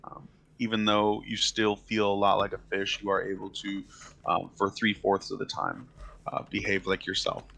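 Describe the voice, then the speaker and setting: Bright, gravelly man running a tabletop game. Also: fairly low pitch, flat delivery, moderate pace. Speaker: game master. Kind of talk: narrating a tabletop game, casual.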